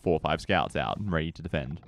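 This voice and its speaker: A man co-casting an esports match, relaxed and explaining the play. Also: a bass voice, fast talker, vocal fry, a little hiss or hum. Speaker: esports co-caster. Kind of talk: live game commentary. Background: faint background music.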